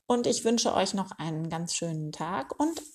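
A woman reading a children's book aloud in a lively, expressive way. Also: lowish voice, normal speed. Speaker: storyteller.

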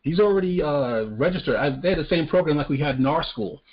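A man from Long Island co-hosting a casual podcast, talking in a measured, deliberate way and reading news excerpts aloud. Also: on the high side. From Long Island, New York. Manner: measured and deliberate, pausing to restart thoughts. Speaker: podcast co-host. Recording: dull lo-fi podcast audio.

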